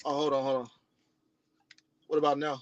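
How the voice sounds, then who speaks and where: High-voiced man, casual caller, on a dull phone line that keeps breaking up over a bad connection. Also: completely flat delivery, moderate pace. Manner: repeats himself, plain and emphatic. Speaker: caller on a live stream. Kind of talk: casual chat. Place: in a garage.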